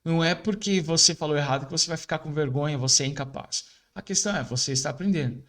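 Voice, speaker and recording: A man teaching French pronunciation in a casual video lesson, explaining informally and repeating words slowly for practice. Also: fairly high pitch.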